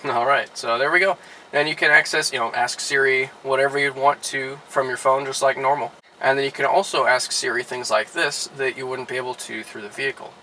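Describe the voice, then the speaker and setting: Bright-voiced man demonstrating casually. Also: medium pitch, a little fast, a little hiss or hum, poor audio. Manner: relaxed, with frequent "all right" and "uh" fillers. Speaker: car dealership product specialist. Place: inside a car.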